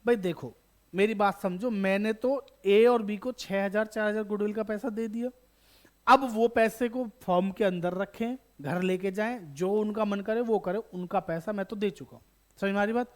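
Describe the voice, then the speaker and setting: A male teacher walks students through an exam topic in a fairly high voice. He talks to them directly and fondly, poses a question, then supplies the answer himself, and repeats the key terms so they stick. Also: normal speed. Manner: calls students beta, bachche, addresses viewers directly. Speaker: accountancy teacher. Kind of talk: online exam-prep lesson.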